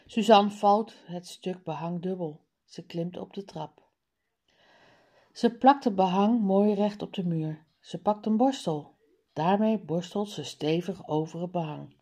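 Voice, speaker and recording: A woman reading a children's reading book aloud slowly and clearly, for learners. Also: lowish voice, mellow. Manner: clear, deliberate, over-articulated. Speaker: reader.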